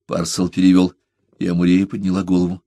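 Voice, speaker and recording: A man narrating a novel as an audiobook in a measured, dramatic reading. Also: low-pitched, monotone, mellow, no room sound, clean studio sound.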